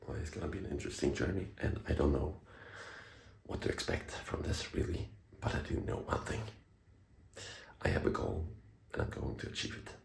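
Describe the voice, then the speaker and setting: A man in his late twenties speaks in a quiet, hushed whisper. He talks to his vlog as one does at night while others sleep, keeping every word low and soft. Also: creaky, reverberant, rough recording. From Sweden.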